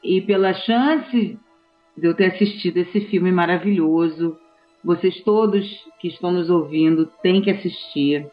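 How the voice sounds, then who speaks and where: A woman guest on a casual podcast, speaking slowly with drawn-out thanks. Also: fairly low pitch, muffled recording.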